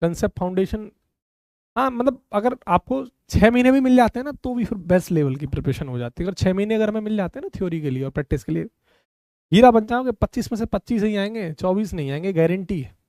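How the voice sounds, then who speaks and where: A man's voice: high voice, fast, dark tone, dry recording. A man teaching a physics class online, calling students "beta" and explaining step by step in a conversational way.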